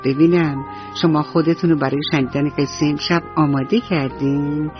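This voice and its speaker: A woman storyteller narrating a bedtime story for children on the radio, talking warmly to her young listeners. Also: sits low, steady tone, highs cut off, faint music behind. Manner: warm, friendly addressing children.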